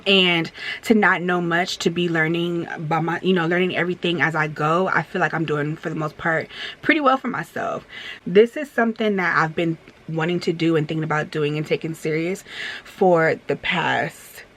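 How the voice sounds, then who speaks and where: A woman in her thirties tells a story while getting ready in a candid vlog, rambling with many fillers and restarts and growing emphatic as she vents. Her voice sits low, a bit bright, at a moderate pace.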